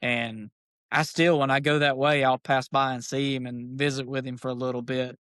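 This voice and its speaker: Man, shop-owner guest, folksy storyteller, mid-pitched voice, dry close sound. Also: normal speed, clear, resonant tone, dry recording. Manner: animated, folksy, says "dude" a lot. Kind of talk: casual storytelling chat.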